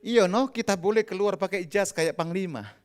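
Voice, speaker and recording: A middle-aged man with a Javanese accent preaching a lively, joking sermon, swinging from loud bursts to soft whispers. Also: sits high, normal speed. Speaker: pastor.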